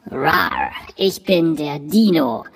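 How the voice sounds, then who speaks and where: A woman in a disguised deep voice, voicing an aging, boastful dinosaur who speaks the riddling clues of a quiz. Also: lively intonation, takes it slowly, slightly rough, heavily acted. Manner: riddling, rhyming clue delivery. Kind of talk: scripted quiz clue recording. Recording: recording with long hall reverb.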